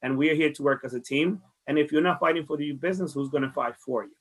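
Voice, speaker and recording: Over poor audio, a man with a Dominican Spanish accent speaks quickly in a voice on the high side. He is a farmers market director from the Dominican Republic giving an interview. He answers in an earnest, conversational way and tends to repeat phrases.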